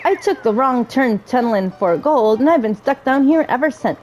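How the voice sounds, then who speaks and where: A woman plays a cheerful little male cartoon rabbit from a video game. The voice is folksy and friendly with dropped word endings, raised in pitch, over faint music. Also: expressive, moderate pace, a little mellow, rough recording. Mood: folksy, eager.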